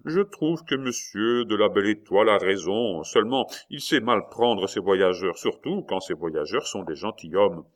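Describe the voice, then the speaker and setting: A man reading aloud and voicing a calm, patient young nobleman who speaks in a measured, polite way. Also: fairly low pitch, natural voice.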